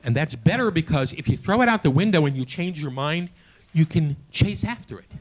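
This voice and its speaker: A man in his late sixties performing a stand-up comedy set in a small theater, with a halting, self-deprecating delivery full of restarts, and audience laughter behind him. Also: fairly high pitch, lively intonation, slight background noise. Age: 60s. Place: small theater stage before a live audience.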